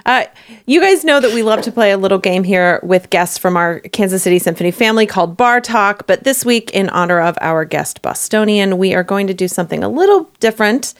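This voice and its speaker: A woman's voice: medium pitch, expressive, brisk. A woman from Texas hosting a podcast and running a playful quiz game in casual chat.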